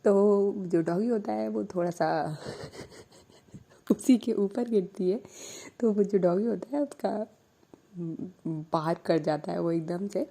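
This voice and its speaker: Young woman, casual storyteller, chatty, dark mellow voice, mid pitch. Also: slow pace, vocal fry. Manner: chatty, frequent laughs and fillers.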